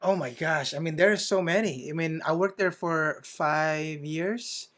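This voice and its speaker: A man's voice: a little high, a little slow, a bit bright. A young man in his twenties co-hosting a podcast, chatting in an upbeat, teasing way. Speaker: podcast co-host. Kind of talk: casual chat.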